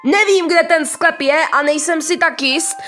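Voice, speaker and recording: A woman's voice: very high-pitched, faint music behind, pitched above the performer's own voice. A woman voicing Chota, a frightened teenage boy, in a panicky read. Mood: panicked. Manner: panicky, shouting refusal.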